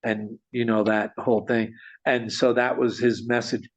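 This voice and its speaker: A man telling a story in conversation, animated, with frequent restarts and small chuckles. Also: medium pitch, measured pace. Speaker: guest storyteller. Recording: dull lo-fi sound.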